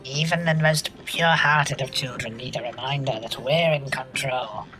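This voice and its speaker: Guy doing a naughty sneaky elf, plotting and smug, middle pitch. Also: normal speed, over music, lightly acted. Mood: sly. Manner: sly and mischievous, relishes sabotage. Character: scheming naughty male North Pole elf. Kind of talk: comedy podcast sketch.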